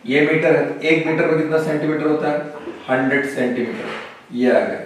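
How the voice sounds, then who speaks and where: A man with a fairly high voice teaches a physics lesson at a normal pace, working through problems step by step and often checking in with his students. The classroom lecture is recorded in an echoey room from a distance, with slight background noise.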